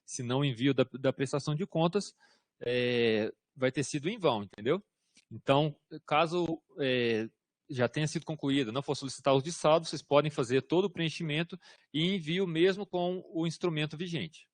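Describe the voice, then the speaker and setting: A man's voice: fairly high pitch, normal speed, no room sound, studio quality. A man from Brazil answering questions in an online workshop, explaining in an informal way with lots of fillers and check-ins. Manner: informal, repeats "tá?" and hesitant fillers. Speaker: government systems instructor.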